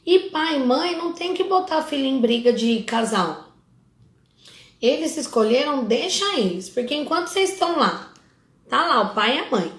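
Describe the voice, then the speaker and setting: A woman's voice: high voice, expressive, normal speed, reverberant. A middle-aged woman with a Brazilian Portuguese accent, a family constellation therapist talking casually and directly to her followers, scolding them with informal asides.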